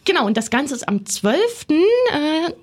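A woman's voice: high voice, very animated, a little slow. A woman hosting a casual radio interview in an informal, enthusiastic, colloquial way. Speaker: radio host.

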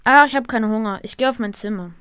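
A bullied schoolboy in an amateur audio drama, acted out by a woman. The voice is high and clear, hurt and pleading, recorded close and dry. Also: quick pace, a bit bright, no echo, natural voice. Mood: evasive.

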